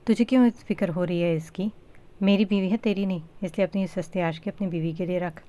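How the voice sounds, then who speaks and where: A hot-tempered, arrogant young man from a storybook reading, every line mocking, as a woman narrator puts him on. The voice stays low and close to the reader's own. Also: fairly even intonation, fairly quick, dark tone, natural voice. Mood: irritated.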